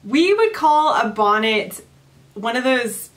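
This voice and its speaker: A woman in her thirties from Southern California, with a Californian accent, hosts a casual chat and asks curious, giggly questions. Her voice sits fairly high and has a sing-song quality, moving at a slow pace with a slight hiss or hum.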